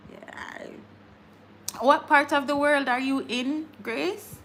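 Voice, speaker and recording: A woman's voice: sits high, fairly even intonation, slow, a bit bright, slight background noise. A woman, hosting a casual live stream, chatting with viewers, laughing often and repeating words as she talks. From Jamaica. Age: 30s. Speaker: livestream host.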